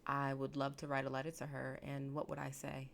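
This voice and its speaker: A woman in her late twenties, a therapist hosting her podcast, reflecting slowly and emotionally with halting restarts. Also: very deep voice, monotone, creaky, a little hiss or hum. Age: late 20s. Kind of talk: reflective solo podcast talk.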